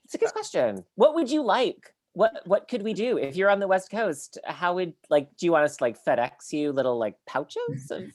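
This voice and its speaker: Lively low-voiced woman joking on a video call. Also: normal speed, few pauses, no room sound. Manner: playful, rambling, stumbles over restarts. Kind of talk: casual chat.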